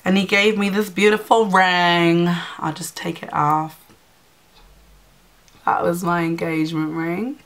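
Young woman, casual storytime chat, lots of "like", slightly low voice. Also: measured pace, long pauses. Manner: chatty, animated retelling with filler "like" and "blah blah". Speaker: vlogger.

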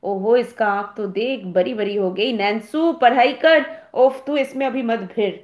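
A woman's voice: mid-range voice, measured pace, a little mellow, echoey room. A woman from India hosting a casual live stream, reading viewer comments aloud and teasing them affectionately like a big sister.

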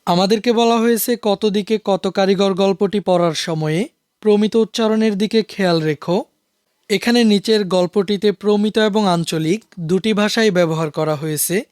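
Man teaching a lesson, high voice, smooth and clear, dry close sound. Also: normal speed, no echo. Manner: calm, steady explaining to students. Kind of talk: explaining a school textbook lesson.

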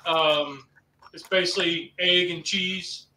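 A man's voice: high voice, steady tone, takes it slowly, pushed and bright, echoey room, a little hiss or hum, low-quality recording. A man on a landline phone, co-hosting a live cooking stream in easygoing, rambling chat. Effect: over a landline phone.

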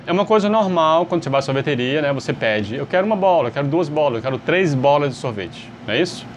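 A man's voice: fairly high pitch, fast talker, slight background noise. A man with a Brazilian accent teaching an English lesson, asking rhetorical questions and checking in with "tá?" as he explains. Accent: Brazilian Portuguese. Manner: lively, asks rhetorical questions, frequent "tá?" check-ins.

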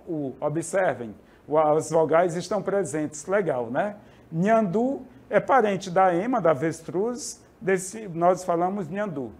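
A male teacher from Brazil with a high voice that swings up and down. He runs a lively vocabulary lesson and keeps turning to the class for agreement. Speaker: Spanish teacher.

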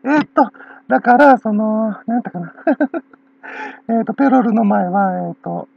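Gravelly Kansai woman rambling and laughing. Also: on the high side, normal speed, dull audio. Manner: chatty, laughs often between phrases. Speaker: channel owner. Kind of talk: rambling casual monologue.

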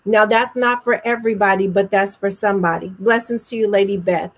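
A woman ministering a prophetic word, fervent and earnest, slowing down for solemn phrases and speeding up for asides. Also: medium pitch, fairly even intonation. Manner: earnest, fervent, with spontaneous hallelujahs; swings between slow deliberate phrases and quick asides.

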